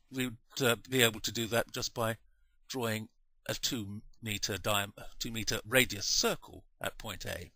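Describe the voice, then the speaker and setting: A man talks through a maths lesson in a patient, measured way, pausing to correct his own slips. His voice is bright and clear. The sound is dry and close, with no room around it. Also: mid-range voice, no room sound. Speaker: maths teacher. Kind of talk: explaining a maths lesson over diagrams.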